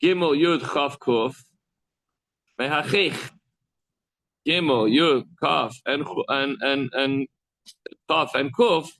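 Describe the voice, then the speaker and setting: A man teaching a text class as a rabbi, reading lines and explaining them slowly, pausing to demonstrate sounds and speak to students in the room. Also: medium pitch, gravelly, fairly bright tone, no room sound, rough recording.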